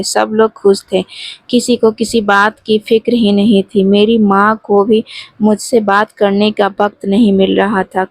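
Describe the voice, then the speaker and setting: A woman narrating a sad first-person story in a calm, steady way. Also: medium pitch, no room sound.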